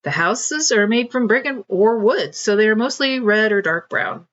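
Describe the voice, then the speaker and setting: A woman's voice: mid-range voice, animated, moderate pace, a bit bright, muffled recording. A woman voicing a shy young girl who is new in town, in a read-aloud storybook. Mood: chatty.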